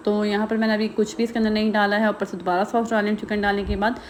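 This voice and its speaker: Woman, home cooking voice-over, rapid chatty delivery, mid-pitched voice, faint noise in the background. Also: flat delivery. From Pakistan. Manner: rapid, chatty, heavy use of filler phrases. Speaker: cooking vlogger. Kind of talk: recipe voice-over narration.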